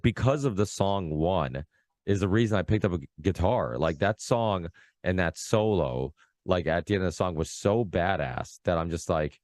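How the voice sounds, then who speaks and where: A man in his thirties from Massachusetts hosts a casual podcast chat, his voice very deep and low. He rambles excitably, stacking fillers and false starts. The sound is close and dry. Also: moderate pace, no echo. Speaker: podcast host.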